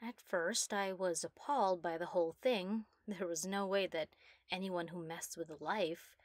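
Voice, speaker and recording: A woman's voice: lowish voice, a little slow, dry recording. Girl doing a mad scientist lady, asmr ASMR role-play, proud n giddy, kinda theatrical, super dry close sound. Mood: earnest, fervent. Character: young female mad scientist, proud, giddy, obsessively ambitious.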